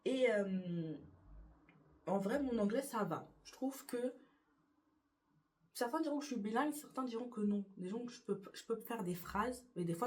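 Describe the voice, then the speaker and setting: A medium-pitched, slightly mellow voice belongs to a young adult YouTuber answering get-to-know-me questions in her bedroom by a window. Her casual manner is hesitant, full of fillers, and she keeps restarting sentences.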